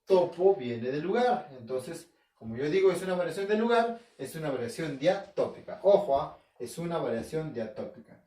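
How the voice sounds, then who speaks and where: Lively Arequipa teacher in an echoey room. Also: male voice, fairly high pitch, normal speed, hardly any pauses. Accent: Peruvian Spanish, Arequipa. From Peru. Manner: asks himself questions and answers them, repeats key terms, checks in with "¿ya?". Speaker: school language teacher. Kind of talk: recorded home-learning class. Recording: roomy echo, voice from far off the mic.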